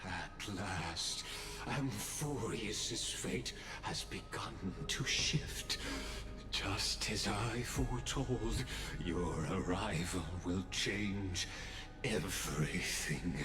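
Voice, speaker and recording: An actor playing a calm game villain who monologues slowly with theatrical menace. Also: male voice, sits low, full character voice. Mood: smug menace. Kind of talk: scripted video game dialogue. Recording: echoey, with loud music. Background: game music.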